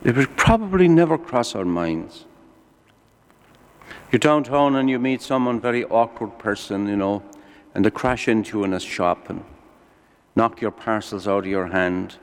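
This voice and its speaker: A man's voice: fairly low pitch, moderate pace. A man preaching a sermon like a lilting storyteller, putting rhetorical questions to his listeners and telling everyday examples. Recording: echoey hall with long reverb.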